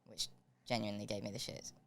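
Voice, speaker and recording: Fast British man with a chipmunk-like effect. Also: flat delivery, creaky, fairly bright tone, slight background noise. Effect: pitch-shifted chipmunk-like voice. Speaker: podcast co-host. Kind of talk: casual chat.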